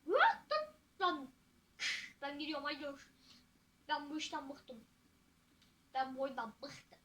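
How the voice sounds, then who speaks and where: A teenage girl giving casual, excitable gameplay commentary as a YouTuber, with loud outbursts and jokes. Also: high-pitched, a little slow, slight background noise. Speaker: gaming YouTuber.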